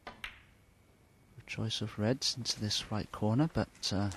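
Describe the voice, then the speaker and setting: A man commentates on snooker in a hushed, low-pitched voice. His delivery is measured and understated, with faint clicks and background noise around him. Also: fairly even intonation, some chatter behind.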